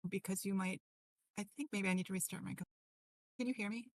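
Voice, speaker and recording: A woman's voice: mid-range voice, quick pace, no echo, studio quality. Woman on a choppy, cutting-out voice call. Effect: choppy voice chat connection cutting out. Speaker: voice chat participant. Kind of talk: casual chat. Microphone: online voice call.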